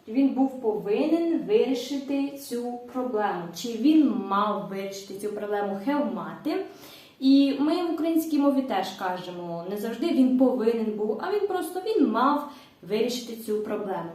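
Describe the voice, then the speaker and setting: A woman teacher giving a language lesson, explaining step by step and saying English phrases slowly for students to repeat. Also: fairly high pitch, darkish tone, distant mic. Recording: echoey room, voice from off-mic.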